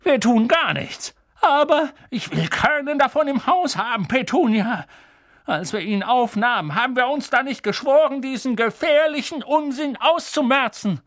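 A man voicing a gruff, bullying middle-aged uncle who snaps and shouts in a story reading. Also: high voice, huge pitch swings, a little slow, few pauses, dry recording, clean studio sound, voice pushed up, exaggerated voice. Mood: uneasy, forced. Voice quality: shouting, snapping.

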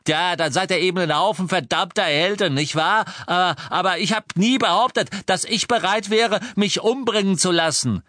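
A man's voice: high voice, moderate pace, hardly any pauses, sharp tone, no room sound, clean studio sound. A man playing a cowardly, shifty small-time crook wizard who whines, cusses and talks defensively. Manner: whiny, defensive, cursing. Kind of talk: audiobook character voice.

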